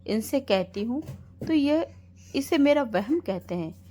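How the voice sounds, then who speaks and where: A woman's voice: fairly high pitch, expressive, slow, mellow. A woman voicing a frightened young wife who pleads through tears in a storybook tale. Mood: fearful. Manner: fearful, pleading.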